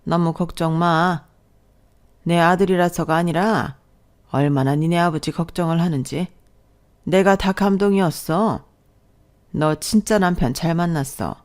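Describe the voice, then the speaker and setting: A woman's voice: on the low side, unhurried, long pauses, darkish tone, lightly acted. A woman reading a doting older mother-in-law. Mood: comforting.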